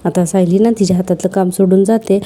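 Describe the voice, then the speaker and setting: Mellow-voiced woman retelling a serial. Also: mid-range voice, fast talker. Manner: steady storytelling, reading out each character's lines. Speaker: serial episode reviewer.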